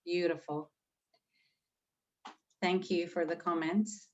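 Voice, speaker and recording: A woman hosting an interview, gentle and unhurried with many fillers, reading out audience comments. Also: lowish voice, level tone, lo-fi sound. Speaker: host and interviewer.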